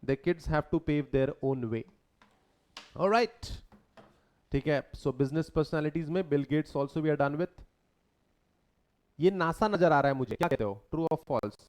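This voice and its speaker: A male teacher gives a slow, deliberate lecture. His voice sits a little high for a man, and he keeps turning to his students with questions. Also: darkish tone. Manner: conversational, quizzes students with questions. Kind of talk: lecture mixing Hindi and English.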